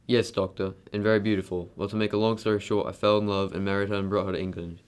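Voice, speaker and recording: A man's voice: on the low side, level tone, quick pace, clean tone, close to an everyday voice. A man playing a proud, defensive wealthy husband in an amateur radio drama, speaking bluntly. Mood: guarded, blunt.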